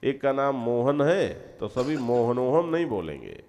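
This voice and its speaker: A man's voice: medium pitch, very animated, a little slow, darkish tone, big-room sound. A man giving a devotional spiritual discourse to a gathering, explaining step by step and often urging listeners to pay close attention. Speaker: spiritual teacher.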